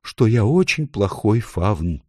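A man voicing a gentle, sorrowful male faun who sobs out his guilt in a storybook reading. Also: on the low side, sing-song, takes it slowly, no room sound, clean studio sound, pitched above the performer's own voice, full character voice. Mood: sobbing. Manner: sobbing, mournful.

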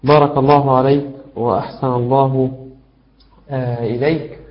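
A man teaching Quran recitation, giving patient, encouraging corrections full of drawn-out hesitations. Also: mid-range voice, little pitch movement. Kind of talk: instructional feedback on recitation. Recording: roomy, dull lo-fi sound.

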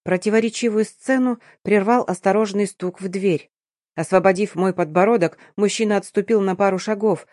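A woman's voice: mid-range voice, steady tone, moderate pace, darkish tone, no room sound. Woman reading an audiobook, dry and close. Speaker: audiobook narrator. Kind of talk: first-person audiobook narration.

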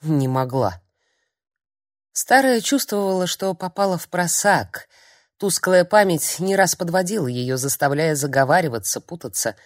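A woman narrating a fantasy audiobook in an expressive storytelling manner. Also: on the low side, normal speed, dry recording, studio quality. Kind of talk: scripted narration.

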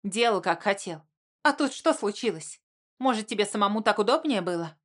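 A woman's voice: mid-range voice, animated, brisk, fairly bright tone. A woman voicing the heroine, a grown woman who speaks with biting sarcasm. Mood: sarcastic.

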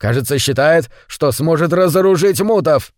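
A man voicing a gruff two-headed male mutant who growls out aggrieved complaints. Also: on the high side, expressive, normal speed, a little mellow, dry recording, clean studio sound, close to an everyday voice.

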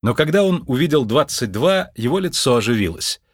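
A man narrating a children's story audiobook in a lively, expressive way. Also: medium pitch, fairly quick, husky, dry recording, clean studio sound. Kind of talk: scripted narration.

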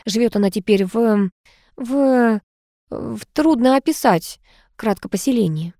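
A woman's voice: fairly high pitch, measured pace, dark tone, no room sound, clean studio sound. A woman voicing a flamboyant, much-married society aunt who chatters dramatically in an audiobook. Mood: gushing.

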